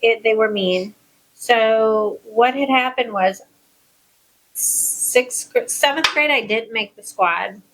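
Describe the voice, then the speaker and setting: Gravelly-voiced woman guest. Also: a little high, slow, fairly bright tone, poor audio. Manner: easygoing, laughs at herself. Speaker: guest, friend of host. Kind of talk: casual chat.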